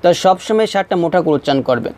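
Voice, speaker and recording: A man teaching Quran reading, spelling out syllables one at a time and drawing out whole words slowly so learners can repeat them. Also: sits high, lively intonation, darkish tone. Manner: patient, repetitive explaining. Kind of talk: recorded recitation lesson.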